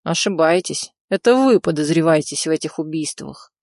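A woman voicing a grim male lieutenant colonel who speaks in slow, measured menace, in a storybook reading. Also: low voice, expressive, darkish tone, no echo, studio quality. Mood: calm.

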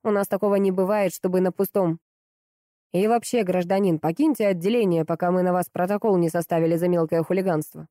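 A woman's voice: fairly low pitch, fairly even intonation, brisk, dark tone, no echo, studio quality, natural voice. A woman reading an audiobook, voicing a defiant, officious male police captain. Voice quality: challenging, officious.

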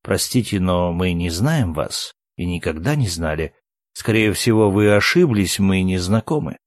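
Man doing a calm, measured man. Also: low voice, no room sound, studio quality. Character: calm, commanding man, a doctor.

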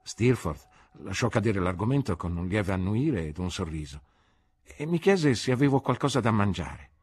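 Brief: male narrator for a literary audiobook, low, slightly husky, animated delivery. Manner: expressive, measured storytelling.

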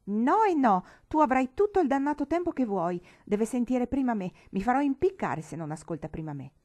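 Woman doing a rowdy tomboy teen girl from a storybook, loud and pushy, voice pitched up a bit. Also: expressive, fairly quick, natural voice. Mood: boisterous. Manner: loud, blustering, interrupting. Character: brash horse-mad teenage girl, loud and coarse. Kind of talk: audiobook reading.

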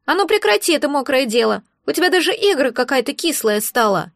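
A woman's voice: sits high, very animated, a little fast, vocal fry, no echo, studio quality, pitched above the performer's own voice, heavily acted. A woman voicing a sarcastic, nosy talking egg creature in a fantasy audiobook. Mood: mocking. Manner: sarcastic, needling.

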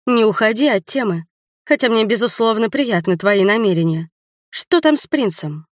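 A woman's voice: mid-range voice, expressive, moderate pace, no room sound, clean studio sound, lightly acted. Spirited young countess, as a woman reads her. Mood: indignant. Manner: raised, emphatic.

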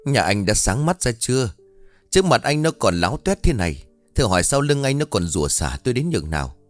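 A man voicing a bossy, spiteful old mother-in-law who shouts and hisses insults at her daughter-in-law. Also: on the low side, big pitch swings, a little fast, no room sound, faint music behind. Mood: scolding. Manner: harsh, shouting, hissing insults.

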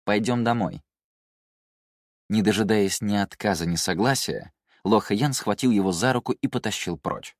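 A man narrating a novel in a measured, steady reading voice. His pitch is low and the sound is dry and close to the mic. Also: no echo. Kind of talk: audiobook narration.

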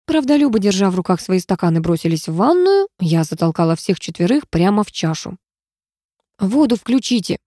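Woman with a warm dark reading voice. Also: lowish voice, a little fast, hardly any pauses, no echo, studio quality. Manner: lively first-person storytelling. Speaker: audiobook narrator. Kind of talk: audiobook narration.

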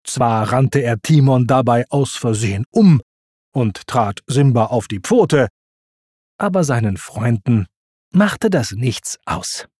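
A narrator reading a children's storybook aloud in a slow, expressive manner on a close studio mic. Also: mid-range voice, slightly rough, dry recording.

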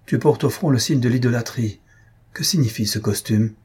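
A man's voice: mid-range voice, normal speed, a little mellow, breathy edge. A man voicing an old feverish missionary. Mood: indignant.

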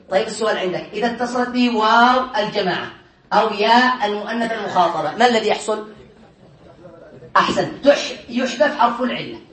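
High-voiced male teacher in an echoey room. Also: fairly bright tone. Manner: questions students by name, brisk and teasing. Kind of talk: classroom grammar lesson. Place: classroom. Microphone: distant room mic. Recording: echoey classroom, voice from far off.

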